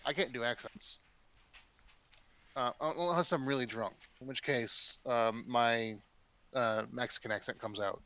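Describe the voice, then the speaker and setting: A man's voice: medium pitch, steady tone, unhurried, dull audio, background noise. A man co-hosting a podcast in casual chat, rambling and making jokes. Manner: rambling, joking. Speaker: podcast co-host.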